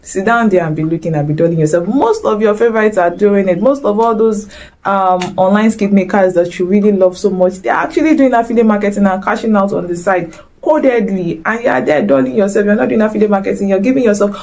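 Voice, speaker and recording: This vlogger, a young woman with a Nigerian accent, speaks a little fast at medium pitch with a darkish tone. Looking straight into the camera, she gives an upbeat, exclamatory, chatty motivational talk peppered with Nigerian slang.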